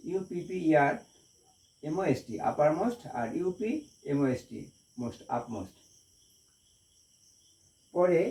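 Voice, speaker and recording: A man with a warm, slightly high voice teaches a grammar lesson in Bengali, spelling each English word letter by letter and then repeating it. He is recorded from a distance in an echoey room.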